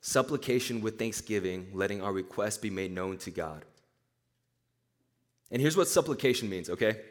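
A young man with a somewhat low voice delivers a casual sermon to a student crowd. He tells stories in a lively, conversational way, full of asides and quick jokes. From born in Korea, raised in Nashville, Tennessee. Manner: animated storytelling, chatty asides. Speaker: campus speaker.

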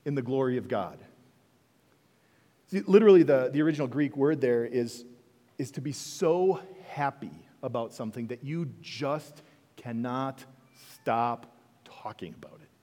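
In a church, a male pastor with a medium-pitched voice preaches a conversational sermon packed with rhetorical questions. His delivery dips soft and then rises again, and a long reverb tail trails after his words.

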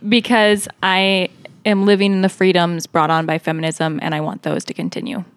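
A woman's voice: lowish voice, level tone, moderate pace, clean tone. A woman co-hosting a podcast, chatting casually and dropping wry quips. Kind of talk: casual chat.

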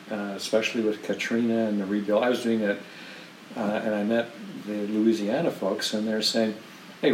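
A man's voice: mid-range voice, recorded from a distance. Man, casual storyteller, rambling, roomy echo, faint room noise. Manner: rambling, full of restarts and laughs. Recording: roomy and from off-mic.

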